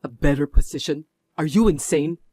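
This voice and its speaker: A stern executive husband lays down the law in a firm, scolding way, as a man acts him out. His voice sits a bit high for a man and sounds close and dry. The dubbed-drama delivery stays steady. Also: normal speed, no echo, close to an everyday voice. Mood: indignant.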